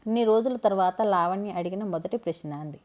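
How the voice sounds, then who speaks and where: A woman reading a scripted family story aloud in a calm, even way. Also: medium pitch, fairly quick.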